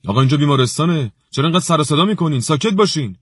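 A man's voice: medium pitch, lively intonation, breathy edge, no echo, studio quality, voice pushed up. A man voicing a stern hospital director who gives orders with authority. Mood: scolding. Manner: authoritative, scolding then gentle. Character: stern hospital director, commanding but kind.

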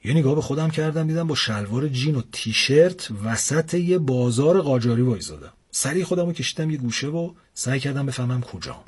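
A young man narrating a comic first-person adventure in a casual, lively storytelling manner. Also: medium pitch, hardly any pauses, husky. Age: young adult.

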